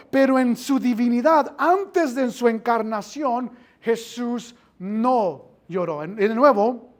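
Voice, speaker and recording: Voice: mid-range voice, a little mellow. A Bible teacher giving an interactive class, quizzing the listeners, repeating phrases and dropping in English filler words.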